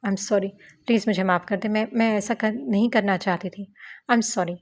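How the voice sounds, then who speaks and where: A woman's voice: mid-range voice, steady tone, natural voice. Woman reading as a stammering young wife. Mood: tearful. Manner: stammering, halting speech. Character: emotional young wife, tearful then shy and playful. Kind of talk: audiobook novel reading.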